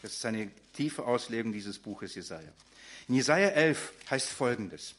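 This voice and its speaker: A man's voice: medium pitch, lively intonation, moderate pace, a bit bright. A man preaching a sermon in German, talking directly to his congregation with frequent fillers and restarts.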